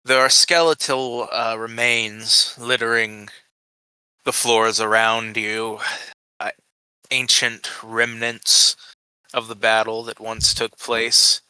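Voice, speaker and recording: A man's voice: medium pitch, little pitch movement, slow pace, pushed and bright, smooth, no room sound, poor audio. A man narrating a tabletop game as its game master.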